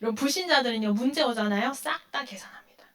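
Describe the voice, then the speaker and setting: A woman with a slightly high, fairly bright voice speaks at a quick pace while preaching to teenagers. Her style is to pose questions, answer them herself, and act out quoted lines dramatically.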